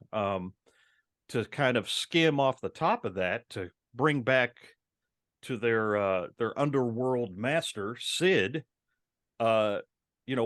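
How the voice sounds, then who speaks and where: A man's voice: mid-range voice, fairly bright tone, no room sound, clean studio sound. A man co-hosting a casual podcast, talking at length with many ums and restarts. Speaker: podcast co-host.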